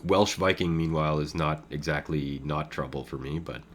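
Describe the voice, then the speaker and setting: Deep-voiced man thinking aloud over poker. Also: moderate pace. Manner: relaxed, thinking aloud with many fillers, laughs at his own jokes. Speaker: poker streamer commenting his own play. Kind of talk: casual live game commentary.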